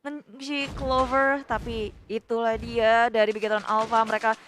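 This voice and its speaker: A woman works as an esports caster, calling the match in dramatic play-by-play. Her voice is high and very bright, with a forceful edge. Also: flat delivery, normal speed, a little hiss or hum.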